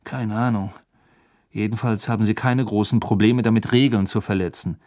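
A man voicing a skeptical, blunt teenage boy in an audiobook, talking in a quick, agitated way. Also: fairly low pitch, steady tone, darkish tone, no room sound, studio quality, close to an everyday voice.

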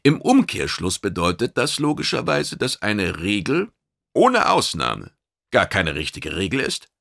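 A man voicing a calm, clever male hero who argues with cool logic in an audiobook. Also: fairly low pitch, measured pace, vocal fry, no echo, clean studio sound, heavily acted. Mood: persuasive. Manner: patient, reasoning, restrained.

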